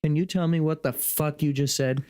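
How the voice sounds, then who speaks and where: A man's voice: on the high side, steady tone, moderate pace, warm tone, clear, resonant tone. A young man co-hosting a gaming podcast, chatting bluntly and stumbling over his first words. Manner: chatty, blunt, stammering starts. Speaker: podcast co-host. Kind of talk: casual chat.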